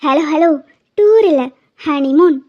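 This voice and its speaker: A woman voicing a playful, teasing pregnant young wife in an animated cartoon. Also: high-pitched, slow pace, highs cut off. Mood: affectionate. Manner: teasing, bossy, affectionate.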